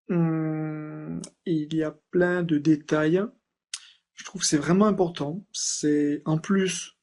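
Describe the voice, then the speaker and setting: Guy with a slightly high voice, chatty, kidding around, lots of restarts. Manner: joking, chatty, with hesitant restarts. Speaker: course participant giving a testimonial. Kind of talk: casual testimonial.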